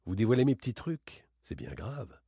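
A man voicing a playful, boastful gentleman thief in a dramatic audiobook reading, teasing and theatrical. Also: big pitch swings, normal speed, vocal fry, slightly rough, no echo, clean studio sound, heavily acted. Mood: mocking, boastful. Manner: teasing, theatrical, swings between bright exclamations and low asides.

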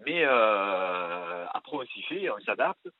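A man's voice: fairly low pitch, takes it slowly, dry recording. Man with a Marseille accent, tinny line. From Marseille, France. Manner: animated storyteller, full of fillers and asides. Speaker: actor, interview guest. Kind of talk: radio interview. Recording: tinny phone-like radio sound.

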